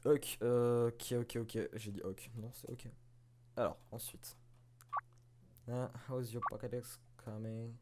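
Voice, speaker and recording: A man's voice: medium pitch, level tone, slow, darkish tone, slight background noise. A man giving casual, self-mocking commentary while playing a video game, swearing and chuckling now and then. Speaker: let's play host.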